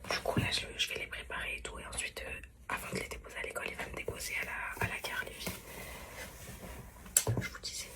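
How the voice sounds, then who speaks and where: Whispering woman in a hushed morning vlog. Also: fast. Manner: hushed, confiding, rambling. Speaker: lifestyle vlogger. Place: at home early in the morning.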